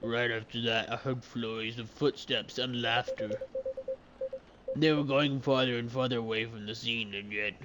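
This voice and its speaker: A man reading a game's lines as a gruff father and night guard, telling a spooky story with slow, dramatic emphasis. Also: medium pitch, steady tone, noisy background, natural voice. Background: loud game music.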